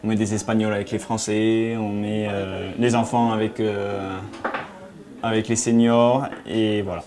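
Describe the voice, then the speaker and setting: A man's voice: on the low side, unhurried, background noise. A man who keeps a mountain hut, speaking casually in an interview with many small hesitations. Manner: relaxed, hesitant with frequent fillers.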